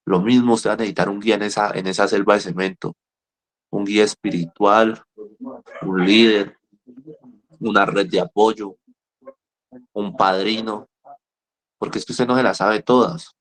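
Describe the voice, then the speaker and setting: A middle-aged man counseling people in recovery in a lively talk. He tells stories, repeats himself and speaks straight to his listeners. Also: lowish voice, normal speed, long pauses. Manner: animated, repeats words, speaks directly to listeners. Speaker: rehab counselor. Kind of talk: motivational talk with storytelling.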